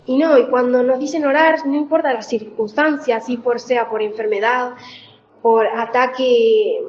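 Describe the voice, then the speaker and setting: Woman preaching, high muffled voice. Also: fairly even intonation, darkish tone. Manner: conversational, with many fillers and pauses. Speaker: church speaker. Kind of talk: preaching a Bible reflection.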